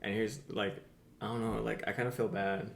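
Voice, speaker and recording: A young Mexican man co-hosting a casual podcast chat. He speaks softly and hesitantly and often trails off. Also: lowish voice, flat delivery, normal speed, vocal fry. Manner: soft-spoken and hesitant, trails off. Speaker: podcast co-host. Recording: echoey room with faint background hum.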